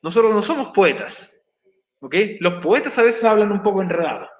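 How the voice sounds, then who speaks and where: A man's voice: high-pitched, lively intonation, normal speed. A male teacher explaining grammar patiently in an online class, repeating each step. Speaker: English teacher. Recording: echoey room.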